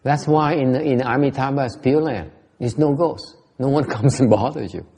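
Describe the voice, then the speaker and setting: Gravelly-voiced man teaching with laughs. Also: medium pitch, measured pace, dark tone. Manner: repeats his words, laughs, switches between two languages. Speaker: Buddhist teacher. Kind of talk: bilingual dharma talk.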